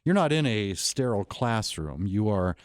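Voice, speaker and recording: Low-voiced male host, halting questions. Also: big pitch swings, no echo, studio quality. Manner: rambling, halting questions with many restarts. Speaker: radio show host. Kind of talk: interview hosting.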